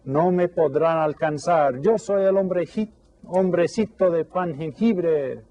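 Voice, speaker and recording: A man's voice: a little high, takes it slowly, mellow, dull audio, voice pushed up. A man voicing a small, boastful runaway gingerbread man in a storybook read-aloud, in a sing-song, taunting way.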